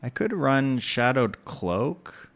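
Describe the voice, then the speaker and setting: A man giving casual, relaxed commentary while he plays a video game, thinking aloud with many pauses and ums. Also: mid-range voice, creaky. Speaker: gameplay commentator.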